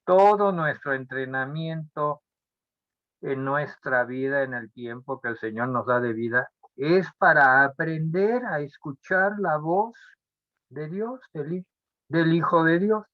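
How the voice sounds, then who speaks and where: A man preaching a sermon as pastor, speaking deliberately and often repeating phrases or restarting words. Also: fairly high pitch, no room sound. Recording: dull lo-fi sound.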